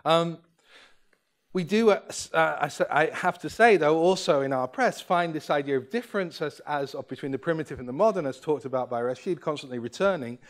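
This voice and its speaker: An older man delivers an academic keynote from a lectern, thinking aloud as he goes. His speech is halting and full of fillers and restarts. He speaks into a lectern microphone in a lecture hall. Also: fairly high pitch, expressive.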